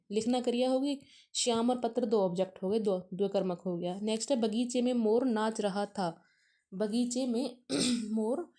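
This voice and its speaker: Young woman teacher going through test answers step by step, fairly high but mellow voice, tosses in english words, keeps saying friends. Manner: explains step by step, addresses viewers as friends; mixes English words into Hindi. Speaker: exam prep teacher. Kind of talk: solving exam questions aloud.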